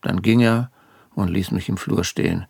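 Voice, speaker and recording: A man's voice: sits low, normal speed, vocal fry, darkish tone, breathy edge, no room sound. A man narrating a first-person story in a dry, wry tone. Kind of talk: audiobook storytelling. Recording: dry close studio recording.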